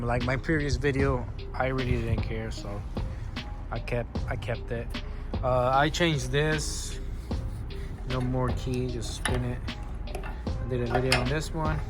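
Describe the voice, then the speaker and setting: A man talking casually to viewers in a laid-back, slangy way, as a motorcycle vlogger explaining things. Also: medium pitch. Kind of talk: casual vlog talk, explaining bike modifications.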